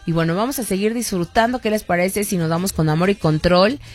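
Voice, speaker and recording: A woman's voice: mid-range voice, a little fast. A Mexican woman hosting a radio show, chatting easily and reading listeners' messages aloud. Her talk stays casual and conversational. Faint music plays behind her. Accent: Mexican Spanish. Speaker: radio host.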